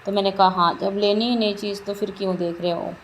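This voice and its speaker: Flat-voiced woman chatting through a vlog. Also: medium pitch, fairly quick, rough recording. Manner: rambling, repeats herself while narrating a shopping trip. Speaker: vlogger. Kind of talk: casual vlog narration. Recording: faint background noise.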